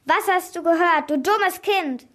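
A woman doing a shouting, blustering flower thief. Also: very high-pitched, measured pace, pitched above the performer's own voice. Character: angry shrill adult man, a flower thief.

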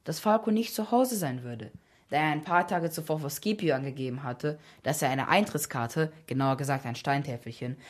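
A woman reading out a story in a scripted narrating style, pausing to explain old terms. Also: fairly low pitch, a little mellow. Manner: explains Latin terms as she reads.

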